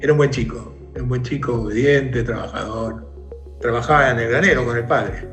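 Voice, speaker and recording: A man's voice: mid-range voice, brisk, soft background music. A man as an interview guest, telling a story in conversation and acting out the calls of its characters. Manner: animated, acts out shouted calls in the story.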